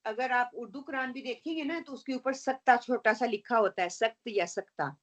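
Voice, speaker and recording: A woman teaching Quran recitation rules in an online lesson, explaining patiently, checking in with her students, and slowly reciting example verses. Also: a little high. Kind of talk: online tajweed lesson, mixing Urdu and English.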